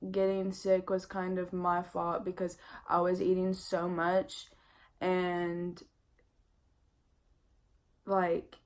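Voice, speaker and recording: A woman's voice: fairly low pitch, a little mellow. A young pregnant woman giving a casual vlog update, candid and chatty, full of "like" fillers, sounding tired. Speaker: vlogger.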